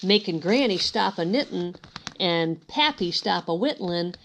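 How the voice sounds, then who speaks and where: A woman's voice: fairly low pitch, animated, measured pace, a bit bright, a little hiss or hum. An older woman, a sweet grandmotherly lady, reading a storybook aloud in a folksy, rhythmic way with dropped g's. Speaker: grandmother reading a picture book.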